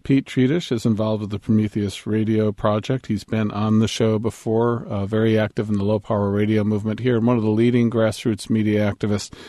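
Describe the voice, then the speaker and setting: A man with a smooth radio host delivery, his voice mellow and warm in tone. He moves through introductions and phone lines at an unhurried, steady pace, with the odd filler. The sound is close and dry, with almost no room in it. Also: fairly low pitch, dry recording. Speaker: radio talk show host. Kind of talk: smooth radio host announcing and moderating calls. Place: live broadcast from a campus hall.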